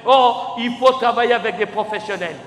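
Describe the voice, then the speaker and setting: A man preaching a sermon as pastor, emphatic and swinging between shouted lines and near-quiet ones, asking the congregation questions and spelling out words. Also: extremely high pitch, brisk, background noise. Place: large church hall. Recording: echoey church hall with faint music.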